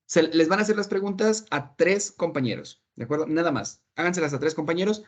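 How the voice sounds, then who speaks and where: A man's voice: a little high, brisk. A man teaching an online English class, patiently explaining and checking that his students follow. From Mexico. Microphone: video call.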